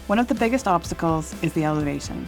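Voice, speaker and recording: A woman with a low voice narrates her travel film in a scripted, measured way. Her delivery is reflective, with faint music running beneath it. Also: lively intonation. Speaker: vlog narrator.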